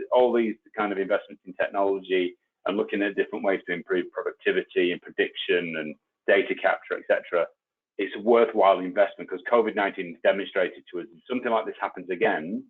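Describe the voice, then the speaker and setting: Low husky man on a tinny call line. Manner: thoughtful, hedging with ums, self-correcting. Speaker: webinar panelist. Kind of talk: online webinar discussion. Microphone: video call.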